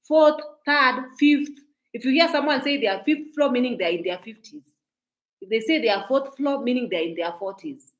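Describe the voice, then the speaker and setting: With a fairly high pitch and a moderate pace, a Kenyan-accented woman from Kenya talks through celebrity gossip for her viewers in a casual, talkative way. Emphatic and repetitive, she sprinkles in Swahili.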